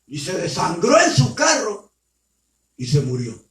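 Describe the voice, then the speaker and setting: A man preaching, retelling a scripture story in an animated way and speaking directly to his listeners as brothers. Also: high voice, unhurried. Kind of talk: sermon storytelling. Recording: roomy sound from far off.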